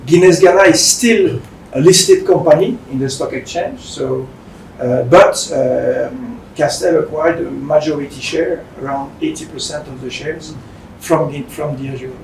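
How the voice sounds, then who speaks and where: This semi-formal presentation comes from a Belgian managing director whose English is halting and non-fluent, marked by a French accent. His slightly high voice is gravelly and creaky yet a little mellow, recorded from a distance in a roomy space with faint rumbling noise.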